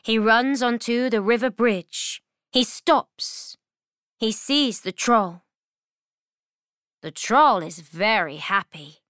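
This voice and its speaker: A woman reading a simple children's story aloud, slowly and carefully, for learners. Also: on the high side, fairly bright tone, dry recording, studio quality. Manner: careful, evenly paced reading.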